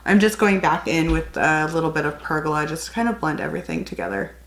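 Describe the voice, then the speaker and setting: A fast-talking young woman with a low, slightly bright voice swings widely in pitch. Slightly under the weather with a cold, she's a beauty vlogger who chats and rambles through a casual makeup tutorial, frequently correcting herself.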